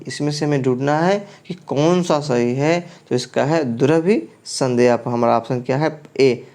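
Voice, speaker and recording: Man teaching a spelling quiz, higher voice. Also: dark tone. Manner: explains step by step, often asking the class and then answering. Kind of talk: exam prep lesson going through quiz questions.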